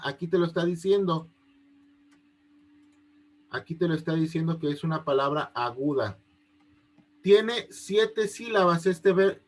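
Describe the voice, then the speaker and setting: A man's voice: high voice, fairly bright tone. A man teaching an online class over a video call, explaining step by step and often checking that his students understand. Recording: unstable connection.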